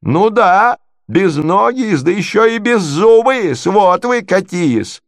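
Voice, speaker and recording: A man's voice: high voice, slow, a bit bright, no echo, clean studio sound, pitched above the performer's own voice, full character voice. A man voicing a quarrelsome provincial lady who squabbles shrilly and indignantly.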